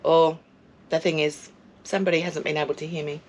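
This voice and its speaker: A hoarse woman, chatting casually and poking fun at herself in a travel vlog, outdoors at a caravan park. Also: low-pitched, level tone, a little fast, a little mellow, slight background noise. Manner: chatty, self-mocking. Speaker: travel vlogger. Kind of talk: casual chat.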